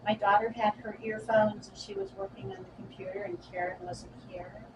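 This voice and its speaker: A woman working in the shop, telling in a casual, animated way how a ghost frightened her, laughing at herself. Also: mid-range voice, a little fast. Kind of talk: casual storytelling. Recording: distant mic with loud background noise.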